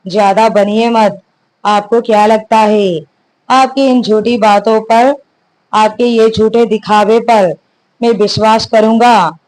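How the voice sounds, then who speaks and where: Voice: medium pitch, darkish tone, close to an everyday voice, poor audio. A narrator voicing Samrat, a stern, furious young husband. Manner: stern, stresses each word. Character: furious young husband confronting his father.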